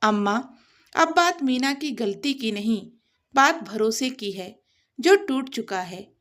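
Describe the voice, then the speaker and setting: A woman's voice: on the high side, animated, slow pace, fairly bright tone. A woman voicing an earnest, wronged young wife. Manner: earnest, restrained.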